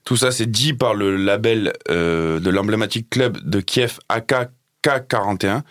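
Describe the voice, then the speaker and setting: A man's voice: on the low side, normal speed, fairly bright tone, no echo, studio quality. A man presenting music news on a casual radio show, chatty, with many fillers and restarts.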